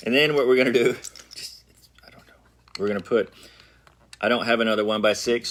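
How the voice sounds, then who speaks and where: A middle-aged man hosting a casual brick-building tutorial, chatting playfully and straight to his viewers as he works. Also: lowish voice. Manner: chatty and playful, talks straight to viewers, hums and jokes while working. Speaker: brick-building channel host.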